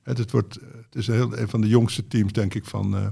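A man's voice: lowish voice, little pitch movement, normal speed, vocal fry, warm tone, husky. A man chatting casually as a podcast panelist, often agreeing with short remarks. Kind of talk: casual chat.

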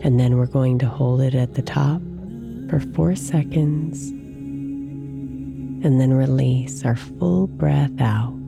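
Meditation host: woman, deep register, very unhurried, soft and soothing, over prominent new-age music. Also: big pitch swings, vocal fry. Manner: soft, soothing, gently drawn out. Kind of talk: guided meditation narration. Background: new-age music with singing bowls.

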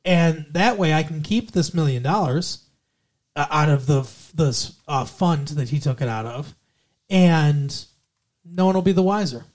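A podcast co-host chats casually about a movie, walking through its plot and rambling with frequent restarts. His voice is fairly high and darkish in tone, animated yet unhurried.

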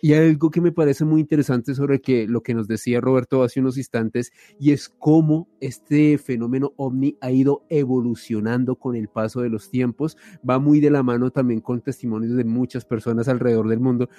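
A man's voice: medium pitch, steady tone, normal speed, few pauses, dark tone, no room sound. A man speaking as a panelist, politely commenting and putting questions in a conversational way. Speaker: panelist interviewer.

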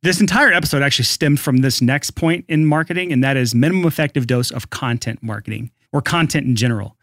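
A man co-hosting a podcast, blunt and teasing with deadpan jokes. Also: mid-range voice, fast, dry recording, studio quality. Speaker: podcast co-host. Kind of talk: casual podcast chat.

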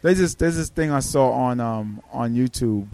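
Animated stammering guest comedian, a man. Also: medium pitch, moderate pace. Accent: New York. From Brooklyn, United States. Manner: animated, stumbling restarts. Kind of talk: casual podcast chat.

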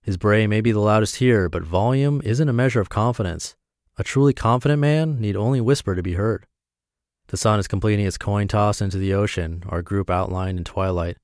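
A man from Montana, reading his reflective essays aloud in a measured, deliberate way. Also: on the low side, darkish tone, dry recording, clean studio sound. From Montana, USA.

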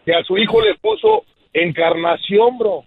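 A high, husky male caller, casual and chummy, comes through a thin, dry phone line. His pitch moves a lot as he talks. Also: huge pitch swings, unhurried, no room sound. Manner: casual, says bro often.

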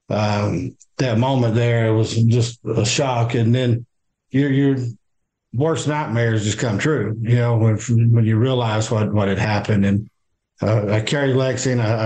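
Older Southern man, interview guest, speaks haltingly with fillers and restarts. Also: lowish voice, a little mellow. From American South. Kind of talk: interview, personal account.

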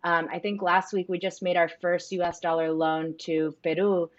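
Speaking at normal speed, a woman with a lowish, fairly flat voice comes through with highs cut off. She co-founded a company in the United States, grew up speaking Spanish, and responds to interview questions earnestly and thoughtfully, often with "um" and "like."

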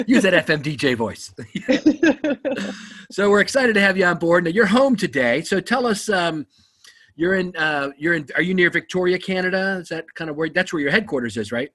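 A man's voice: high-pitched, lively intonation, moderate pace, sharp tone. A man hosting a podcast in a casual, enthusiastic way, with frequent ums and uhs. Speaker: podcast host.

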